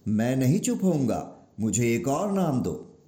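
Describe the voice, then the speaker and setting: A man voicing a stubborn divine boy who keeps demanding names, speaking slowly and insistently in a storybook telling. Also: medium pitch, very animated, dark tone, reverberant. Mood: defiant. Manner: slow, insistent, defiant. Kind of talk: storybook narration.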